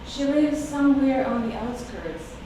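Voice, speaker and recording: This poet's voice is high-pitched and expressive, moving a little slowly as she introduces and then reads her own work. Russian is her first language, and she speaks with hesitation, feeling, and plenty of fillers. The recording, made from afar in an echoey hall, sounds distant and noisy.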